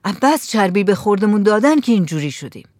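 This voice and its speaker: A woman's voice: mid-range voice, very animated, a little mellow, no room sound, studio quality. A woman voicing a worried, bloated village man who complains and argues. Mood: complaining. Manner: complaining, argumentative.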